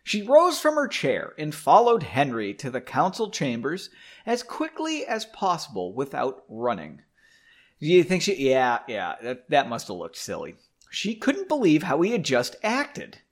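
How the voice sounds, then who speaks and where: A man's voice: fairly high pitch, huge pitch swings, unhurried. A young man who hosts a podcast, reading a novel aloud and breaking off to comment in a loose, joking, self-deprecating way, with casual swearing.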